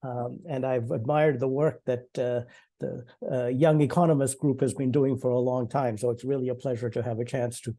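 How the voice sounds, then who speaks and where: A man's voice: mid-range voice, steady tone, moderate pace, dark tone. A man in his sixties from Sri Lanka, speaking on an online panel in a conversational way, with frequent fillers and restarts. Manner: conversational, many restarts and fillers, laughs lightly.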